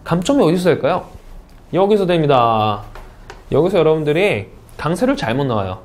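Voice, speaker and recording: A man's voice: fairly high pitch, very animated, normal speed. A man from South Korea teaching an English speaking test course in an online lecture, often putting questions to his students and answering them himself.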